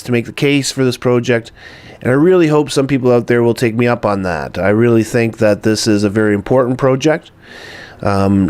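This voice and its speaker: A man talks to his supporters in an earnest, unpolished way. He stops often on ums and uhs as he gathers his thoughts, and his voice sits at an ordinary middle pitch for a man. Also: darkish tone, clear, resonant tone. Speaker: documentary producer. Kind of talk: informal campaign update to supporters.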